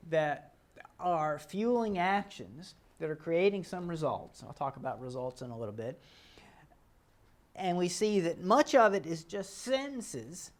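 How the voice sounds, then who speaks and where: Calm man explaining a mental model. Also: fairly high pitch. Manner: calm, explanatory, self-correcting. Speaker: teacher. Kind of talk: explaining a self-help model.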